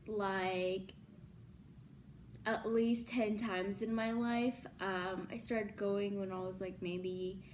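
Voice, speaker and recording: Chatty young woman with a slow, easy delivery. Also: medium pitch, slight background noise. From born in Libya, Filipino. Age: 20s. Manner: chatty, lots of ums and likes, excitable. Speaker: YouTuber. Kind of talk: casual facts vlog.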